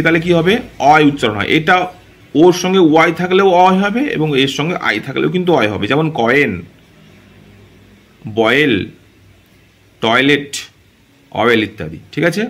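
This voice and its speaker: A man's voice: a little high, expressive, quick pace, a bit bright. Patient man teaching English phonics. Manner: patient, explains step by step, often checks understanding. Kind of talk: spoken phonics lesson.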